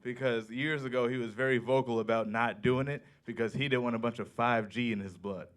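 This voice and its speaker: A man doing a stand-up set in a comedy club, telling stories in a deadpan way and acting out the people he quotes. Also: mid-range voice, brisk. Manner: deadpan storytelling with acted-out quotes.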